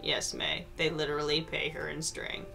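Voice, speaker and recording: A woman's voice: sits low, flat delivery, normal speed, vocal fry, bright, forceful tone, faint music behind. A woman streamer chatting casually while playing, with dry, joking asides. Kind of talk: casual gaming chat.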